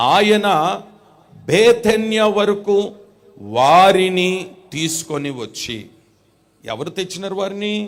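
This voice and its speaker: High-voiced preacher chanting to his congregation. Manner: chanting repeated phrases that build in loudness; urges the congregation to repeat and answer louder. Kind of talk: revival sermon with call-and-response. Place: church hall, on the stage.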